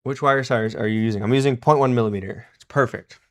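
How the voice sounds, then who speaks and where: A man's voice: medium pitch, fast talker. A man hosting a casual live stream as he repairs electronics, chatting and laughing often as he thanks and greets his viewers. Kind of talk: casual live-stream chat while soldering.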